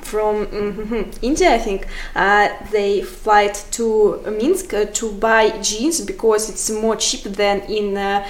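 Flat-toned woman in an echoey room. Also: mid-range voice. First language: Russian. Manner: halting, brief phrases. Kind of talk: casual English conversation practice. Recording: echoey room with faint noise.

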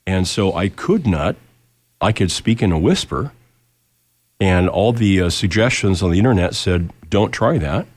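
A very low-voiced American man hosts a casual radio program. He sounds nasal, still recovering from a lost voice, and talks in a halting, folksy way. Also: animated, darkish tone. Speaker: radio show host. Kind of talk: casual live radio talk.

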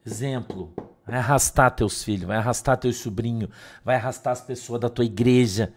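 A middle-aged man preaching a sermon, emphatic, swinging between loud stresses and soft asides. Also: mid-range voice, moderate pace, slight background noise. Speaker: pastor.

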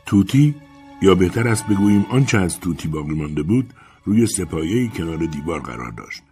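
A man narrating an audiobook in a calm, measured storytelling manner. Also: low voice, faint music behind. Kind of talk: scripted narration.

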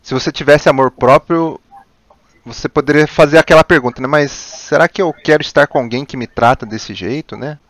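Gravelly man musing thoughtfully. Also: fairly high pitch, brisk, a bit bright, no echo. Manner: thoughtful, explains ideas with quoted inner thoughts. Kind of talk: reflective conversation.

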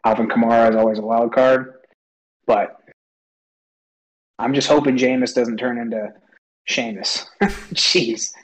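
A man in a mid-pitched, everyday voice chats about football picks, often laughing and repeating himself. He sounds loose and conversational, reacting to his co-host as he goes. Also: fairly even intonation, moderate pace, pauses often, rough recording. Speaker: podcast co-host. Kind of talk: casual sports betting chat.

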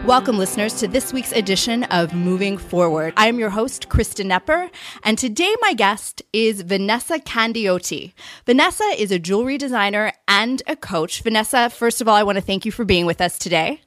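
A woman's voice: mid-range voice, expressive, brisk, fairly bright tone, faint music behind. A woman hosting a podcast interview, asking questions in a friendly, encouraging way. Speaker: podcast host.

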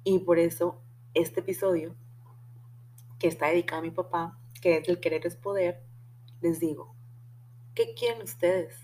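On her podcast, a young woman with a Mexican accent tells a personal story in a relaxed, slangy monologue, dropping the occasional curse. Her lowish voice is steady and slightly mellow, at a moderate pace with frequent pauses, and there's slight background noise.

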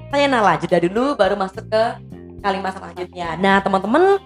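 Woman, podcast guest, explanatory, casual chat, mid pitch, faint background music. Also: a little fast. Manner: explanatory, animated demonstrations. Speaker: guest speaker on public speaking. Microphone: podcast mic.

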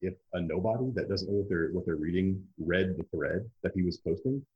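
A man's voice: deep voice, fairly quick, dull audio. A man co-hosting a casual podcast, sarcastic and swearing, laughing often.

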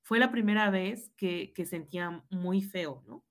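A woman's voice: on the low side, unhurried. Mexican woman, teacher, reflective storyteller, earnest, keeps checking in with tag questions, acts out what people said. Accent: Mexican Spanish. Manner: earnest, frequent tag questions, reenacts dialogue. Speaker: high school teacher. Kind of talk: reflective personal storytelling in conversation.

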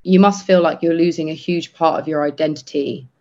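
A man co-hosting a podcast, talking earnestly and haltingly with many restarts. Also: a little high, fairly even intonation, darkish tone. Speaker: podcast co-host. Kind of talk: casual podcast chat. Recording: dull lo-fi sound.

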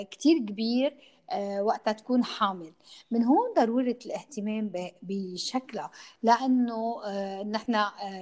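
A woman with a Lebanese accent explaining as a psychotherapist guest in an interview. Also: medium pitch.

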